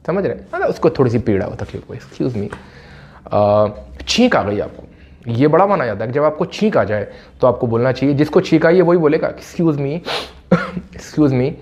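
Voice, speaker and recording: A man teaching spoken English in a casual, chatty way, slowing down and repeating words for emphasis. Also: mid-range voice, darkish tone. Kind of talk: casual classroom-style explanation. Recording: slightly dull lo-fi audio.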